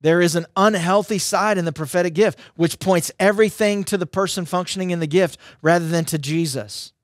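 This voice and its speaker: A middle-aged man teaches in a conversational sermon style. His voice sits a little high for a man, and he drives points home with short, emphatic, repeated phrases. The sound is dry and close, from a headset microphone in a studio. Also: fairly quick, no room sound. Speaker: preacher. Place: dark indoor studio.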